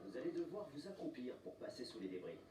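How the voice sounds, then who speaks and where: Game tutorial instructor, calm authority, clipped orders, a man voicing it; distant, roomy, noisy game audio. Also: medium pitch, fast, close to an everyday voice. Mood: instructive. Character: male military tutorial instructor, calm and commanding. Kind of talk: scripted game voice-over. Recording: echoey game audio captured with noise.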